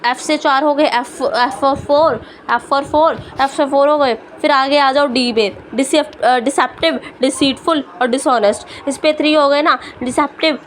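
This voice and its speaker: A woman's voice: high-pitched, a little hiss or hum. A woman teacher giving a vocabulary lesson, repeating words over and over and mixing Hindi with English.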